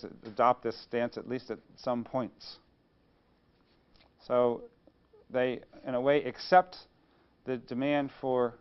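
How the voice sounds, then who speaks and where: Male lecturer, mid-pitched voice, rhetorical question-and-answer lecture style, slightly muffled recording. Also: clean tone. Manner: rhetorical, poses questions then answers them. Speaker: engineering studies lecturer. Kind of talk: university lecture.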